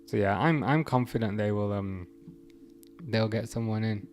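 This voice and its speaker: A young man with a voice on the low side hosts a relaxed football livestream at a moderate pace. He reads chat messages out loud and rambles through his thoughts with frequent restarts.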